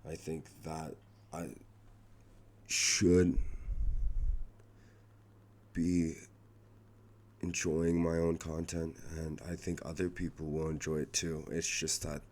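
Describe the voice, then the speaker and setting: Give me a young man with an extremely deep, hoarse voice, talking haltingly in a personal vlog. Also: level tone, darkish tone. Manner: rambling, halting, many restarts and "like" fillers. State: losing his voice. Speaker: vlogger. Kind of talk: rambling personal vlog update.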